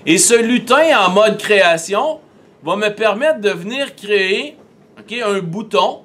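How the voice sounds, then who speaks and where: A man with a Québécois accent, teaching a software tutorial and talking methodically through each step on screen. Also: high voice, lively intonation, unhurried.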